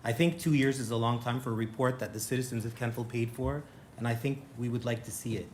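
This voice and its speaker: A man's voice: medium pitch, fairly even intonation, fast talker, a little hiss or hum. A man town councillor speaking plainly and earnestly in a council meeting.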